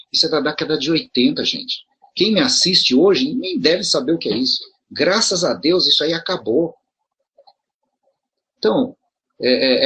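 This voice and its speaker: Very husky middle-aged Brazilian man. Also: medium pitch, fairly bright tone. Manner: conversational, rhetorical questions, frequent restarts. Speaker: video commentator addressing promoters. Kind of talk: casual explanatory monologue.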